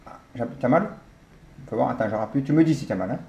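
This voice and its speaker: Lively fast-talking father coaxing a child. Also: medium pitch, vocal fry, highs cut off. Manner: gently questioning, playful, coaxing. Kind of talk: casual home chat with a young child.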